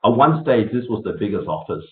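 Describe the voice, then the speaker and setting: Man, host of a group voice call, low and chatty. The conference line is tinny and echoey. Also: sing-song, brisk. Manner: chatty, laughs between points, many fillers. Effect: group voice call, heard over a conference line. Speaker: meeting host for a real estate network. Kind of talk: casual business meeting update.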